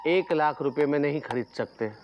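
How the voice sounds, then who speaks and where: A man's voice: a little high, normal speed, dull audio, heavy background noise, natural voice. A man playing a greedy scheming small-town fixer. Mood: wheedling, bargaining. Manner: wheedling, theatrical bargaining. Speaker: a villager bargaining over standing aside in an election. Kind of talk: Hindi sitcom acting. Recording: TV comedy with music behind.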